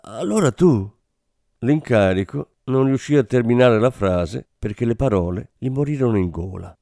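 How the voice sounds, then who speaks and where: A man reads a crime story in a measured, deadpan way. His voice is dark and mellow, and the recording is close and dry, with no room sound. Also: mid-range voice, gravelly, no room sound. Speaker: narrator. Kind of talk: scripted story narration.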